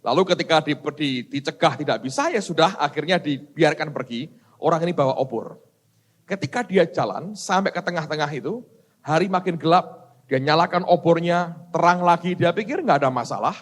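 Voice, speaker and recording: A man's voice: fairly high pitch, brisk. A male pastor tells a story in a sermon, joking and speaking directly to the congregation. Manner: animated, joking, addressing the congregation.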